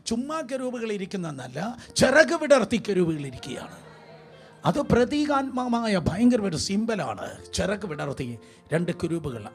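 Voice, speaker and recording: A man preaching a sermon to a congregation, calling for responses and mixing in English words. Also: high-pitched. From India.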